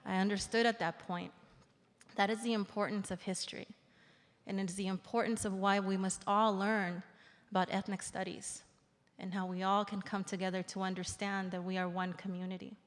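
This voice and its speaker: A woman's voice: medium pitch, flat delivery. A woman in her forties, originally from El Salvador, giving an earnest, reflective formal speech at a public event. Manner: earnest, reflective, slows for emphasis. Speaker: invited speaker. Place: large indoor theater. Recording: reverberant theater hall.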